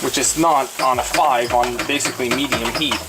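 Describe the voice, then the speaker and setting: Casting: male cooking host, middle-pitched voice, blunt and foul-mouthed casual chat, recorded amid clear kitchen noise. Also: fairly even intonation, moderate pace. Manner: crude, profane, blunt. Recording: clearly noisy, frying and stirring sounds. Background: sizzling pan, stirring, clicks.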